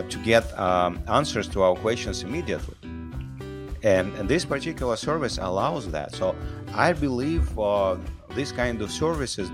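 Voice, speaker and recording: A man from Russia who speaks. He answers interview questions in halting English, with many restarts. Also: fairly low pitch. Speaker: guest, business founder.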